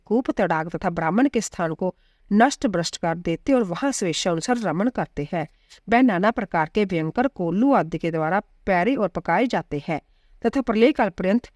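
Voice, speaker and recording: A woman giving a devotional scripture reading, reciting in a steady, measured way and listing names one by one. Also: mid-range voice, dry recording, clean studio sound. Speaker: scripture reader.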